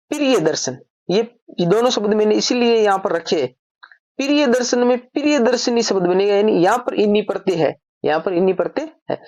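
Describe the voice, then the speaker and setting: A woman teacher walks through grammar rules patiently, one step at a time, often asking a question aloud and then answering it herself. Her voice sits at a medium pitch. The recording is dry and close, with no room sound. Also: darkish tone, no room sound. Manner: repeats points as questions and answers them herself. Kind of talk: explanatory lesson.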